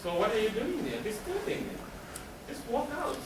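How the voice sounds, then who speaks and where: A man with an extremely high pitch and big pitch swings speaks at normal speed, presenting as a counselor to a live audience. He explains in short, emphatic phrases and answers the questions he raises. A distant mic gives a roomy sound with noticeable background noise.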